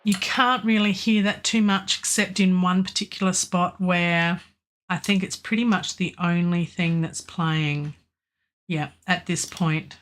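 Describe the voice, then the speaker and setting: An Australian woman talks casually about mixing a track on a live music-production stream, rambling with plenty of ums and restarts. She's recovering from a virus, so her fairly low, fairly even voice sounds weak and a little slow, broken up by a lingering cough.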